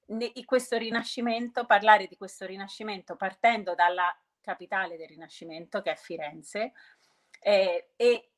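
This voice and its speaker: Female interview guest, medium pitch, halting and rephrasing as she explains, peppering answers with English jargon. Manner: hesitant, often restarting and rephrasing mid-sentence; mixes English business terms into Italian. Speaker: interview guest, sustainability entrepreneur.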